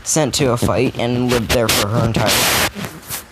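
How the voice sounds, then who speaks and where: In an unhurried, mid-range voice, a man rambles through an improvised fan story. He talks casually, correcting himself often and using plenty of fillers, on a noisy home recording.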